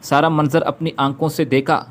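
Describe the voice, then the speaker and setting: A man's voice: on the high side, flat delivery. A man telling an emotional, dramatic story as a storyteller, reading the characters' lines within his narration.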